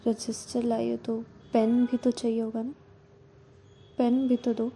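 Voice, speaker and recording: A woman's voice: a little high, flat delivery, a little slow, mellow, a little hiss or hum. A woman voicing a young female teacher who gives cool, needling orders to a colleague. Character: bossy teasing female teacher, young adult.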